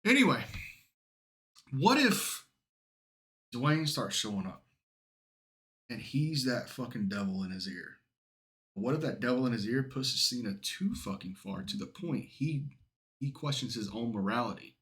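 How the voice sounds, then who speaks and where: A man's voice: mid-range voice, very animated, measured pace, pauses often, a bit bright. A man chatting casually as a podcast co-host, blunt and opinionated, with plenty of profanity.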